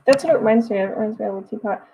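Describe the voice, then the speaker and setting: Speaking rapid-fire at medium pitch, this woman has a dark, slightly rough voice, captured in a rough recording. She's twenty-one, from Texas, and chats with her livestream audience, reading and responding to their messages as they come in.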